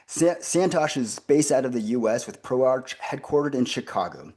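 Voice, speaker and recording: A man's voice: mid-range voice, expressive, normal speed, a little mellow. A man hosting a business interview podcast, upbeat and enthusiastic, with frequent fillers. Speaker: podcast host. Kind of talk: conversational interview.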